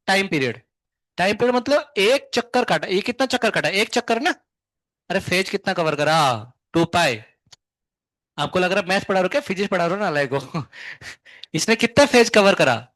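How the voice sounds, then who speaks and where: A male physics teacher giving a live class lecture, firing quick questions at his students and explaining step by step. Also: high voice, fairly bright tone, no echo. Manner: chatty, scolding then explaining, asks students many quick questions; hums tunes to show wave shapes.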